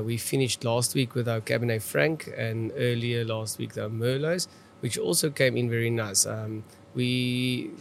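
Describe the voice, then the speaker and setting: A man's voice: mid-range voice, slight background noise. A man from South Africa with an Afrikaans accent, answering conversationally as a viticulturist guest and often repeating words as he feels his way along.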